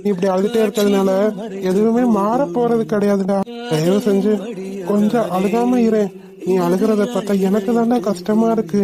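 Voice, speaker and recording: A kind older brother in a village cartoon who speaks softly to calm his sister, voiced by a performer. His voice is middle in pitch, patient and reassuring. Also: moderate pace, a crowd in the background, close to an everyday voice. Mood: consoling. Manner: soothing, consoling. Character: gentle, caring older brother. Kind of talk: cartoon voice acting.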